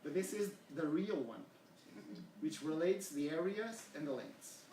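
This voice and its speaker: An animated, unhurried middle-aged man from Portugal speaks in a fairly high but dark-toned voice. As an education researcher, he gives an earnest seminar talk in Portuguese-accented English, asking his audience questions. The sound is echoey and distant, with a faint background hiss.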